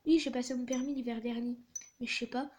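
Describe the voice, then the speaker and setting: Woman reading a hesitant young woman; wary, unsure, high voice. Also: steady tone, fast, darkish tone, slight background noise, lightly acted.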